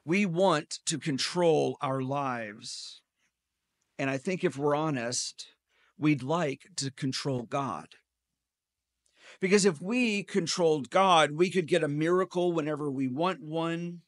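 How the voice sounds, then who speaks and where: Slow, measured pastor preaching from the pulpit. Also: male voice, fairly high pitch, no room sound. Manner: storytelling with dry humor. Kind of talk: sermon. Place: church sanctuary at a pulpit. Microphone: pulpit gooseneck mic.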